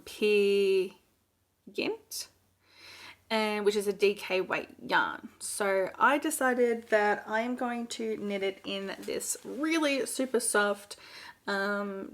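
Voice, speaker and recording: An Australian woman talks through her plans in a relaxed, chatty knitting vlog. She rambles a bit, with plenty of ums, likes and restarts, at a mid-range pitch. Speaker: knitting vlogger. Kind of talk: casual chat.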